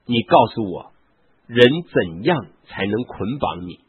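A man reading the lines of a reproachful, coaxing woman from a scripture story, in a very husky voice over a tinny phone-like line. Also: fairly low pitch, expressive, a little slow, heavily acted. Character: pleading, reproachful woman Delilah.

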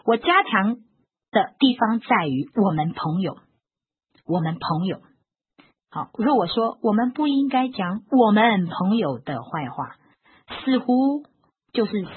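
A woman lectures in a husky, breathy voice, her pitch sitting low but swinging widely as she stresses words. She works through examples step by step, repeats key phrases, and fills pauses with small particles. The sound is thin and phone-like. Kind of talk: recorded logic lecture. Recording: lo-fi, phone-like band.

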